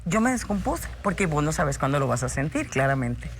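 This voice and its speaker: A woman, a theater actress telling personal stories as an interview guest, animated and acting out dialogue. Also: deep voice, a little fast, background noise. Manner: animated storyteller, acts out dialogue, frequent "¿verdad?".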